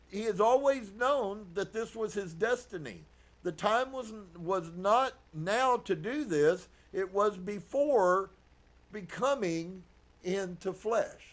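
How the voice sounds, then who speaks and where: A man preaching earnestly as a pastor, reading from a book and reflecting on it with soft laughs. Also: sits high. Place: live stream.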